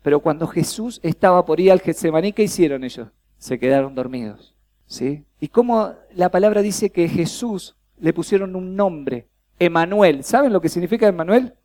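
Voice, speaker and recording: Preaching at a workshop for a church youth congress, a man with a Rioplatense Spanish accent keeps things lively, quizzing the audience and acting out short dialogues. His voice sits high and his pace is normal.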